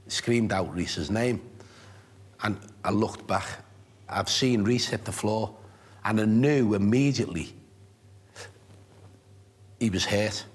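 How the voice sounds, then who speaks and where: A man, recounting events in a documentary interview, halting and emotional, repeating himself. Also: lowish voice, a little hiss or hum. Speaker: interviewee, witness. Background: soft music score.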